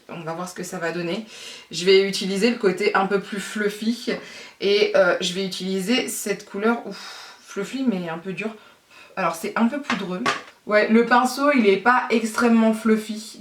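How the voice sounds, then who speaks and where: A woman from France giving a casual makeup tutorial, talking chattily with many fillers and pauses. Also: medium pitch. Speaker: beauty vlogger. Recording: roomy echo, distant mic.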